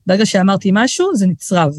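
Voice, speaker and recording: A middle-aged woman speaks, spinning anecdotes in a relaxed podcast conversation. She jumps in pitch as she acts out the voices in her stories and restarts sentences often. The sound is close and dry. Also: dry recording. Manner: lively storyteller, acts out quoted voices, frequent restarts. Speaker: guest author.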